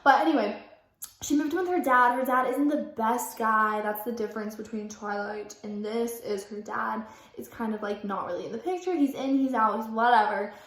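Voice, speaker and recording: A young woman vlogger with a slightly high, somewhat bright voice reads her old fan fiction aloud at a moderate pace in a casual vlog. She's chatty, stuffing her speech with "like," stopping for self-mocking asides and correcting her own reading. The room gives a noticeable echo.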